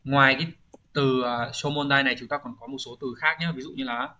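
A man's voice: mid-range voice, big pitch swings, brisk, vocal fry, sharp tone. A man teaching an exam-prep vocabulary lesson, explaining each answer and often checking understanding with rhetorical questions. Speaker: Japanese language teacher.

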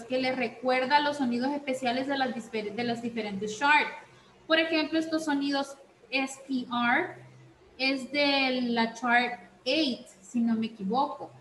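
A woman teaches a reading class, her voice high and her pace unhurried. She keeps checking in with short questions and moves between two languages. The room is echoey, with a faint hiss behind her. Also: fairly bright tone. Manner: slow, repeats "¿ok?" often, switches between Spanish and English. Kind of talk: online class instruction.

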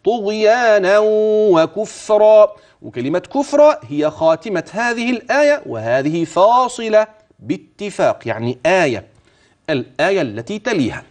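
This very animated, high-pitched man speaks with an Egyptian Arabic accent and teaches tajweed for a religious TV channel. Verses come out slow and tuneful, followed by rapid, conversational explanations in everyday dialect. He quizzes himself and supplies the answers, like a coach working with a pupil.

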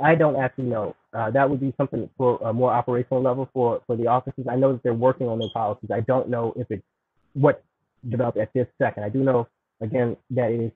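A man's voice: mid-range voice, husky, dry recording. A man, a city official, answering questions at a public meeting on a video call, hesitant with frequent restarts. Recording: tinny phone-like video call audio.

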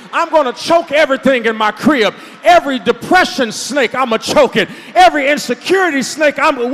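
A pastor in his forties preaches on a large church stage with a handheld microphone, shouting and urging the crowd to respond. His voice is very high, and the recording carries a long hall reverb.

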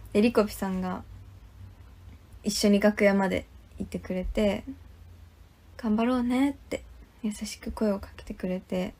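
A young woman in a casual livestream chat, speaking haltingly and trailing off softly at the ends of phrases. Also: mid-range voice. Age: young adult. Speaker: idol group member, livestreamer. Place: small indoor room with curtains.

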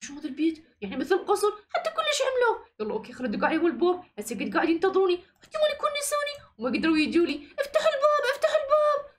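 Very high, rapid Iraqi woman gamer. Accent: Iraqi Arabic. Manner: excitable, breathless exclamations of fear. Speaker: YouTube gamer narrating a Minecraft role-play. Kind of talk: acted game role-play voiceover.

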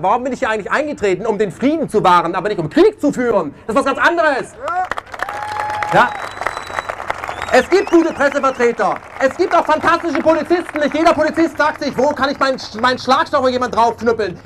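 A man's voice: very high-pitched, expressive, fairly quick, fairly bright tone. A man giving an impassioned protest speech at an outdoor demonstration, emphatic and often tagging on "ja?". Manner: emphatic, keeps tagging questions with "ja?". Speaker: speaker at a peace rally. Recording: faint crowd noise outdoors.

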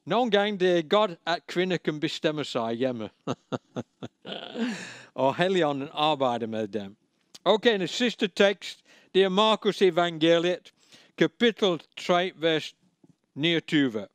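High-voiced preacher man, emphatic. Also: animated, dry recording. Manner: emphatic, repeats key phrases, plain and direct. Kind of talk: sermon.

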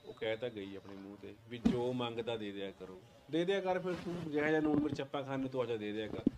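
A man's voice: mid-range voice, fast, heavy background noise, natural voice. A man playing a grumbling, defensive son who gives in when his sister scolds him. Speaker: son, head of the household.

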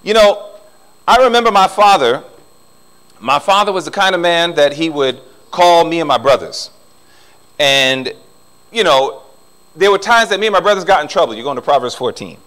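A middle-aged man preaches from the pulpit with a voice that leaps up and down in pitch. He sits a little high for a man and swings between ringing emphasis and quiet, almost confiding asides. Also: lively intonation, moderate pace, long pauses, rough recording. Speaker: pastor. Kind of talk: sermon. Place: church sanctuary.

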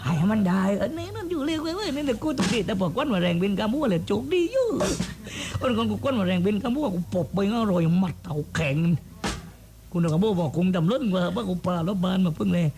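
A man's voice: high-pitched, sing-song, fast talker. A man voicing a coarse rustic clown in a shadow-puppet comedy, bantering in silly slapstick fashion with a southern Thai accent. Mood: joking. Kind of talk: comic shadow-puppet dialogue.

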